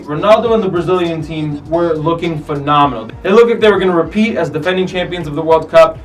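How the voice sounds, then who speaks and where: Man, host, casual soccer commentary, profane, slightly distant, faint music underneath. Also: on the high side. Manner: animated, profane, acts out players' lines. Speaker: host of a soccer countdown show. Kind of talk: casual commentary over match footage.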